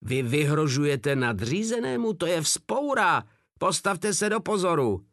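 A man doing a shrill, panicky sergeant. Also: big pitch swings, fairly bright tone, no echo, clean studio sound. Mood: blustering. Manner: nervous and shrill. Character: nervous, pompous German sergeant, panicking.

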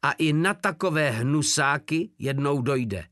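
A man's voice: fairly high pitch, expressive, fairly bright tone, dry recording, clean studio sound, voice pushed up. A man playing a smug wisecracking soldier. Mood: scornful. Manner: condescending, mock-fatherly teasing. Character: sly wisecracking male soldier, mocking and smug.

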